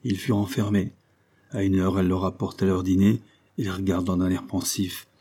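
A man reading a classic story aloud in a measured, even narration. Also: low voice, slightly rough. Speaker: audiobook reader.

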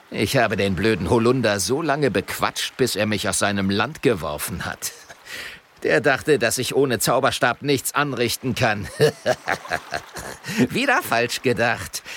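A man voicing a grumpy, scheming male wizard in a children's audiobook, talking gruffly and slowly. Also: lowish voice, a bit bright, slight background noise, heavily acted. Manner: gruff, sneering, slow and menacing.

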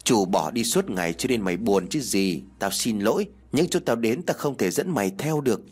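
A man's voice: lowish voice, lively intonation, moderate pace, slightly rough. A man voicing a carefree young male student in a storybook reading, calling out and coaxing. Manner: calling out loudly, then coaxing softly.

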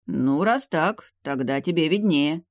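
A woman's voice: low voice, lively intonation, measured pace, no room sound, clean studio sound. A woman voicing a persistent noble ex-lover. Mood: earnest. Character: young adult man, aristocratic ex-lover, persistent.

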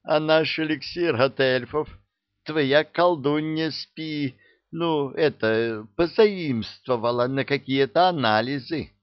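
Brief: guilty sleepy princess, pitched up and sheepish, as a male narrator puts her on. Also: takes it slowly, smooth, no echo, dull audio.

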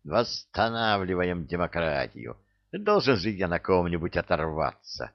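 A man voicing a stern, irritable tsar with a gruff, commanding manner, in an audiobook. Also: deep voice, very animated, measured pace, no echo, muffled recording, heavily acted. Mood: angry.

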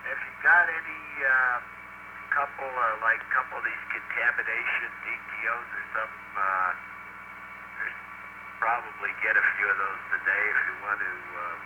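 A man's voice: medium pitch, fairly even intonation, normal speed. An American man, an astronaut, talking casually over a spaceflight radio transmission. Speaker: astronaut aboard space station. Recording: dull lo-fi radio downlink, noisy static.

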